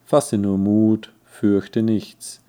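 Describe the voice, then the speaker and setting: A man's voice: on the low side, little pitch movement, very slow, mellow. A man reading the part of a cunning werewolf in a fairy tale, speaking in a coaxing way. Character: cunning male werewolf, falsely kindly.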